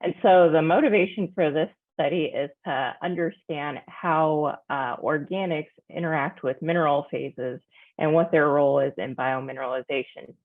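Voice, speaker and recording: A woman scientist giving a careful, measured technical presentation over a video call. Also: sits low. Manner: careful, measured, with frequent pauses. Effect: heard over a video call. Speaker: scientist presenting a conference talk. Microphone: computer mic on a video call. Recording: tinny video-call audio.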